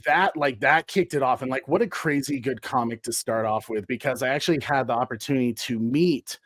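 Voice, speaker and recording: Thirties male guest, casual and rambling, mid-pitched, dry close sound. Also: brisk, fairly bright tone, dry recording. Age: 30s. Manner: rambling, easygoing storytelling with many fillers. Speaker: podcast guest. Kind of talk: casual chat.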